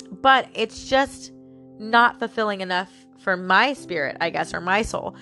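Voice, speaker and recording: Chatty and musing aloud, this woman hosts a personal talk show and addresses her listeners as "guys," rambling as she goes. She has a stuffy nose, so her medium-pitched, fairly bright voice comes out slightly nasal.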